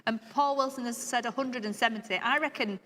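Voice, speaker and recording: A woman's voice: fairly high pitch, a little fast, pushed and bright, big-room sound, slight background noise. A young woman co-hosting a casual live quiz stream, chatty and giggly, with frequent exclamations. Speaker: co-host.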